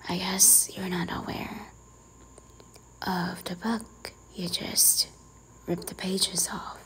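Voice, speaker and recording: A woman in a whispered role-play, playing a strict, teasing librarian who quietly scolds a careless visitor. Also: lowish voice, fairly even intonation, takes it slowly. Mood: hushed, teasing menace.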